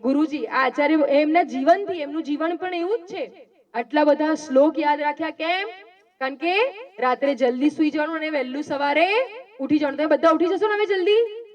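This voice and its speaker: A high-pitched woman preaches to children in a simple, questioning way, drawing answers out of them one after another. Her voice sits well back from the mic. The sound is dull and muffled. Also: distant mic. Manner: coaxing, quizzing the children with quick questions. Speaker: Jain nun giving a talk to schoolchildren. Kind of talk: simple sermon to children with call-and-response questions.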